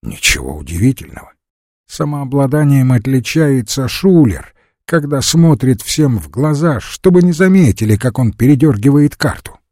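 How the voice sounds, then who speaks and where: A man reading an audiobook voices a glum, taciturn gentleman who answers tersely in a low, subdued way. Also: very animated, normal speed, dry recording, clean studio sound.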